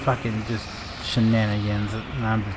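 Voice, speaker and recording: A man's voice: on the low side, flat delivery, a little slow, noisy background. A man live-streaming a farming game, chatting loosely with viewers, greeting and thanking them and swearing casually, tired and grumpy.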